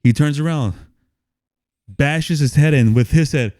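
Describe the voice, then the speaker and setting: A man's voice: on the high side, measured pace, a little mellow, no room sound, clean studio sound. A man co-hosting a casual movie podcast, laughing often, swearing and animatedly retelling scenes. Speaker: podcast co-host.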